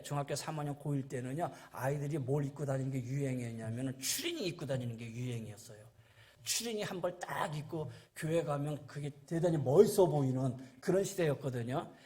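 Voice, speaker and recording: A man's voice: a little high, darkish tone. A middle-aged man preaching a sermon in a church, telling stories and acting out the voices of the people in them. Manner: storytelling, acting out quoted voices, rising to emphatic peaks. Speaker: pastor. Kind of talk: sermon with anecdotes. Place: church sanctuary.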